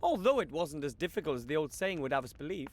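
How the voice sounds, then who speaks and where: An eager young gnome for a game: high, lively, earnest chatter. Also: male voice, fast, slight background noise. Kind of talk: video game voice acting.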